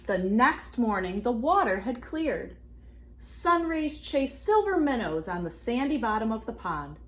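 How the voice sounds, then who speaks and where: A woman reading a storybook aloud expressively to children, pausing for asides and questions to her young listeners. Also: a little high. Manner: animated, addresses children with questions. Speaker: children's read-aloud reader.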